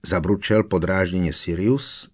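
Deep-voiced man narrating a story. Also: husky. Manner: steady storytelling. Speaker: audiobook narrator. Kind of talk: scripted narration.

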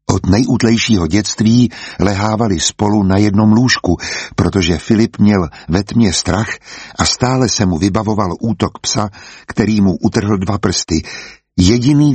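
A man reading an audiobook aloud in a calm, measured storytelling manner. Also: fairly low pitch, breathy edge, no echo. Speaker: audiobook narrator. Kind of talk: scripted audiobook narration.

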